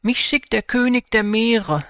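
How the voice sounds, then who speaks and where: A man's voice: extremely high pitch, animated, measured pace, a bit bright, clear, resonant tone, no room sound, clean studio sound, voice pushed up, heavily acted. A man voicing a giant old female sea turtle, a kind nursemaid who speaks solemnly and reassuringly in a fairy-tale audiobook.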